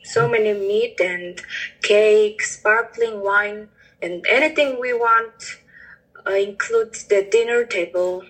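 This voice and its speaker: A woman's voice: mid-range voice, slow pace, a bit bright, poor audio. A woman from Mongolia, speaking as a guest on a podcast. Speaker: international student, podcast guest.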